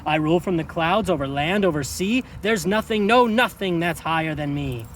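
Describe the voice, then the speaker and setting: A man voicing a pompous, boastful male turtle king who barks loud, bossy orders in a storybook reading. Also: fairly high pitch, expressive, moderate pace, a little hiss or hum. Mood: angry.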